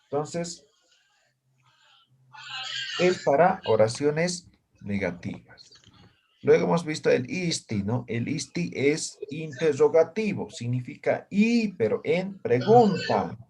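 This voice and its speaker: A man's voice: fairly high pitch, lively intonation, slow, pauses often, darkish tone, a little hiss or hum. A man teaching a language class, patiently explaining and often checking in with his students. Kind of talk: classroom lesson.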